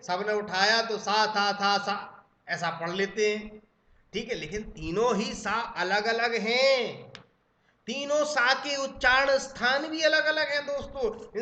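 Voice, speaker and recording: A man's voice: high voice, pushed and bright. A man teaching Hindi in an exam-prep lecture, calling his students friends and having them repeat sounds after him. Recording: roomy echo.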